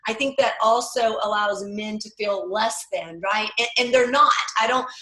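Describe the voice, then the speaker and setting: A woman's voice: on the high side, normal speed, bright, forceful tone. A woman hosting a casual podcast conversation, speaking emphatically and with passion. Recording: echoey room.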